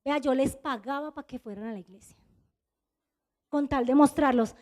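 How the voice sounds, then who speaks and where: A woman's voice: normal speed, darkish tone. A woman pastor with a Colombian Spanish accent, preaching a confessional sermon and acting out remembered dialogue. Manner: confessional storytelling, acting out dialogue, pitch swings high.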